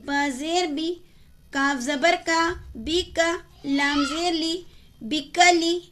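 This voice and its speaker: A woman teaching Quran reading step by step, spelling out letters and vowel marks, then slowly stretching the syllables, and asking questions that she answers herself. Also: high voice, fairly even intonation, a bit bright. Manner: asks the listener questions and answers them herself. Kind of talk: step-by-step recitation lesson.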